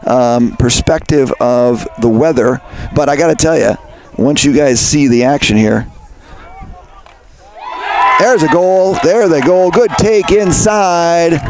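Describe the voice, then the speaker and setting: A man doing live play-by-play commentary for a high school lacrosse game, chatty and conversational, often correcting himself. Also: noisy background. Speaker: play-by-play announcer. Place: outdoor high school field.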